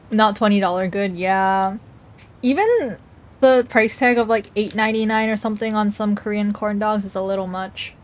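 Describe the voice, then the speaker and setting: A woman livestreamer chatting casually, reacting to chat messages and talking while she eats. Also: mid-range voice.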